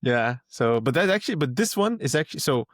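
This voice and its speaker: A man's voice: medium pitch, sing-song, fast, no room sound, studio quality. Laid-back man from Brazil, podcast co-host. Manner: easygoing, laughs often. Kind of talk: casual tech podcast chat.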